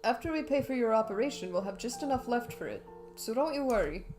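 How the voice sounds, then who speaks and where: A woman's voice: a little high, lively intonation, fast talker, a little mellow, faint music behind, voice pushed up, lightly acted. A woman voicing a worried adult husband, pleading earnestly while reading game dialogue aloud. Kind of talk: let's play character voicing.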